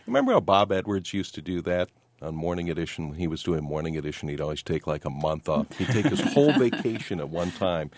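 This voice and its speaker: Smooth radio host guy, real low voice, dry studio sound, easy call-in show patter. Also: very animated, fast talker, a little mellow, no room sound. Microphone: studio microphone.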